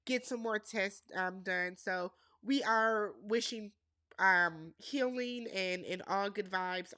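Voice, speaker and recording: A woman with a Wisconsin accent recaps a reality show in a bright, forceful, mid-range voice, sounding nasal and congested from a cold. Opinionated and chatty, she calls her viewers y'all, and the recording is studio quality with no echo.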